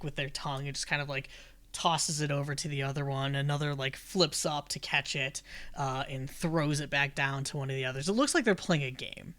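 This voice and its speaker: A man's voice: fairly high pitch, a bit bright. Rambling man as game master. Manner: rambling, many ums and likes. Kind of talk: narrating a tabletop game.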